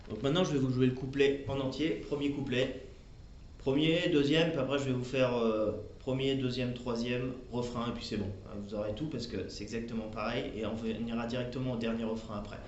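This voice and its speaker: A man's voice: medium pitch, fairly even intonation, darkish tone, dull audio, a little hiss or hum. Man teaching guitar in a roomy space. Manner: patient, explains slowly, chatty fillers. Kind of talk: step-by-step guitar lesson. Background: his own acoustic guitar playing.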